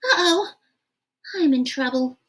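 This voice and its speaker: Goldilocks, high and wide-eyed, voiced by a woman. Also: expressive, slow pace, fairly bright tone, exaggerated voice. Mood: worried. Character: little girl Goldilocks, mischievous and sleepy.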